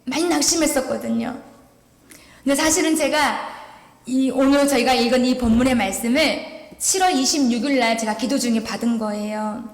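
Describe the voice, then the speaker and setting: A woman's voice: sits high, normal speed. A woman evangelist preaching an emotional, pleading sermon in a church. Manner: emotional, pleading, earnest, with rising and falling intensity. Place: church sanctuary. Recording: echoey church hall with long reverb.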